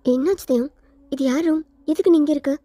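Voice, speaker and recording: A woman's voice: sits high, fairly quick, mellow, no room sound, lightly acted. A woman voicing a tearful, anxious young woman who stammers and pleads, in a storybook fan fiction reading. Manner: stammering, close to tears.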